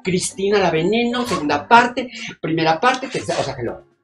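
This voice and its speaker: A woman voicing a loud, vain diva actress who name-drops and talks down to everyone, over faint background noise. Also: on the low side, big pitch swings, normal speed. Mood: indignant. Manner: loud, brassy, name-dropping, fussy.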